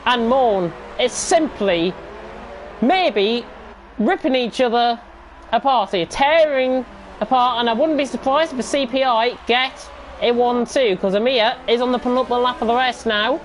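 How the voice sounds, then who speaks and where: High-voiced woman commentating live motorsport. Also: unhurried, a little hiss or hum, rough recording. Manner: exclamatory, repeats phrases for emphasis. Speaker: motorsport esports race commentator.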